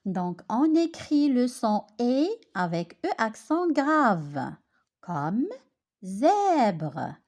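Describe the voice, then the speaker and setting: A woman teaching French pronunciation, who says each word clearly and deliberately and repeats it, as in a spoken language lesson. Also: on the high side, very animated, dark tone.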